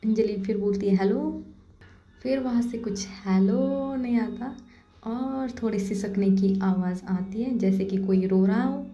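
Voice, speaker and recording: A woman's voice: mid-range voice, a little slow, dark tone. A woman narrating a story in a chatty, casual way, with slangy asides to her listeners. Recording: dull, roomy lo-fi recording.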